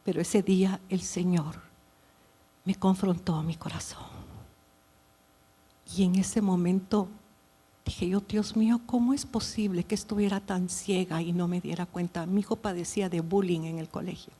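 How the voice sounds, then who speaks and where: A middle-aged woman preacher, giving a sermon as an intimate story. She talks soft and low, trailing off into whispers, then grows slow, emphatic and louder when she exhorts. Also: steady tone, husky.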